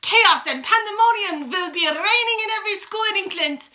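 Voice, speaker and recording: A wicked old storybook witch acted out by a woman shouts in a high, piercingly sharp voice. She is imperious and gloating, turning broken-grammar commands into a triumphant sing-song chant. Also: lively intonation, moderate pace, exaggerated voice. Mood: loud, gloating. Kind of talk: dramatic storybook read-aloud.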